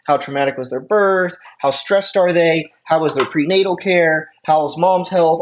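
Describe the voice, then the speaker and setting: Casual young male lecturer, higher voice. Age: 20s. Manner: casual, filler-heavy explaining with frequent "you know" and "right". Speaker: EMT instructor. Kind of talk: recorded lecture.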